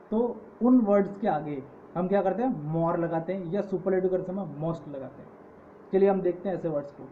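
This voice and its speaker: A man teaching English grammar in an online lecture, patiently listing word forms. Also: high-pitched. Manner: slow, patient, repeating word forms in lists. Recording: tinny phone-like audio with faint hiss.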